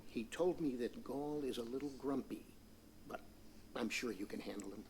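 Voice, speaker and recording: An actor playing a cheerful, chatty alien cook and host in a video game, bubbly and eager to please. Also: male voice, mid-range voice, moderate pace, darkish tone, slight background noise, lightly acted.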